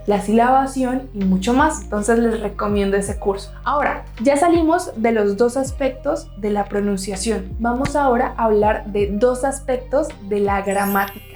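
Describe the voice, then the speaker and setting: A woman teaching a Spanish lesson, slowly demonstrating pronunciation and repeating example words. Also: fairly high pitch, a little mellow, roomy sound, soft background music. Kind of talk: online language lesson.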